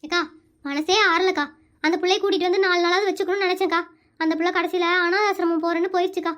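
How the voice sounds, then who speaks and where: In an animated comedy, a talkative, caring village woman exclaims indignantly and repeatedly addresses the other woman as "akka". The performer's voice is very high-pitched and quick, and the highs are cut off.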